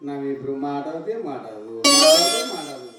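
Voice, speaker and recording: An actor playing a teasing, bawdy newly married village husband in a live stage play, with a North Karnataka Kannada accent. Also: male voice, on the high side, wildly swooping pitch, fairly quick. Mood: joking. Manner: teasing, bawdy comic banter. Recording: echoey stage from far off. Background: instrumental music.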